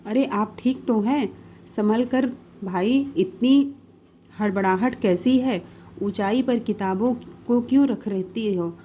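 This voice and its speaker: A woman's voice: a little high, takes it slowly, warm tone, a little hiss or hum. A woman voicing a friendly, concerned young man who asks caring questions in a cartoon story.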